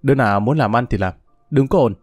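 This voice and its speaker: A man's voice: mid-range voice, quick pace, a little mellow, no echo, studio quality, faint music behind, natural voice. Male narrator voices curt, commanding gang boss, audiobook read.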